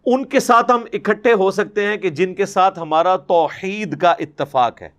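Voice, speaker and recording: A middle-aged man with a Pakistani accent teaching a Quran class, chanting Arabic verses slowly and then explaining them briskly. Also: high-pitched, a bit bright. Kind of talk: religious lecture.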